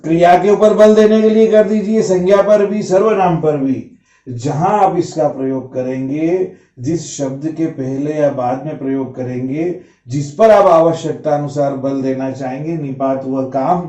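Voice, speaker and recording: A man teaching a grammar lesson, explaining slowly and repeating example sentences. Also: a little high, dark tone, recorded from a distance. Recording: roomy, slightly dull home recording.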